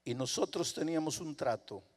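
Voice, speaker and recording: A man's voice: on the high side, lively intonation, fairly quick, close to an everyday voice. A preacher voicing a stern, firm mother. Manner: firm, insistent. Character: stern but loving mother of a young boy. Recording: long hall reverb.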